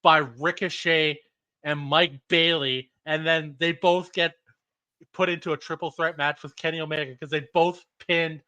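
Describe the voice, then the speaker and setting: A man with a bright, forceful voice in casual podcast chat about wrestling news. He is blunt and profane, readily sliding into exasperated rants. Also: a little high, fairly even intonation, unhurried.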